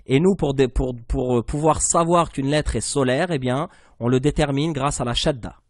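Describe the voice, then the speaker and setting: A man's voice: mid-range voice, no echo. Guy teaching arabic reading, patient, says everything twice, dry close sound. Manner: patient, repeats rules and words slowly. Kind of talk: online language lesson.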